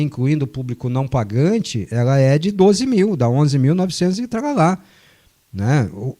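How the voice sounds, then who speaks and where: A man's voice: medium pitch, dark tone. A man hosting a radio sports show, chatting casually, joking and reading listener messages. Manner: chatty, joking, long explanations. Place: radio studio.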